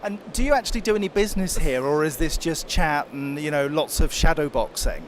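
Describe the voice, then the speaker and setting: A man with a fairly high voice hosts an interview at an outdoor event, asking quick questions with a light, teasing touch. Faint background noise carries behind him. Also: animated. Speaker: interviewer, host.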